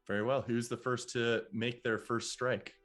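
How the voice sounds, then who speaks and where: A man's voice: mid-range voice, level tone, measured pace, a bit bright, soft background music. A man running a tabletop role-playing game as game master, affirming moves and narrating outcomes.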